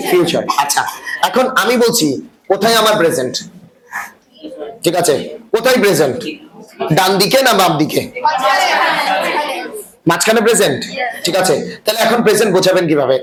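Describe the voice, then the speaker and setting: A man teaching an English class, lecturing and often asking students whether they follow. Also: high voice. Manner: asks the class frequent check-in questions. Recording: echoey room with class noise.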